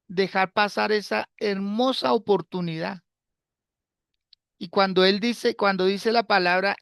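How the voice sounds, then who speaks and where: Slow, gravelly pastor preaching. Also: male voice, high-pitched, a bit bright, no echo, clean studio sound. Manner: slow, deliberate preaching that repeats phrases; asks the congregation rhetorical questions. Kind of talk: sermon.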